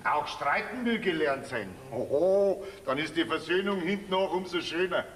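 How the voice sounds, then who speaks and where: A man's voice: on the high side, expressive, moderate pace, a bit bright, slight background noise. An actor with a Bavarian accent playing a jovial, teasing old farmer grandfather in a folk theater comedy. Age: older. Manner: teasing, folksy, chuckling. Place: theater stage. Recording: roomy stage sound from far off.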